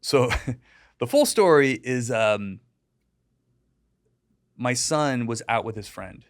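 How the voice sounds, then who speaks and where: A man's voice: medium pitch, takes it slowly. A middle-aged American man, a deputy and digital safety educator, telling stories casually in an interview, full of fillers and acting out the people he quotes. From United States. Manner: animated, lots of fillers, acts out quoted people.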